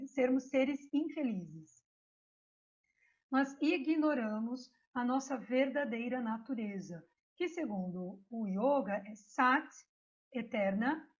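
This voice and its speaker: A woman with a Brazilian Portuguese accent, a yoga teacher giving a chatty online lecture that leans on storytelling. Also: high voice. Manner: chatty, animated storytelling with frequent "né" asides. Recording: dull lo-fi recording.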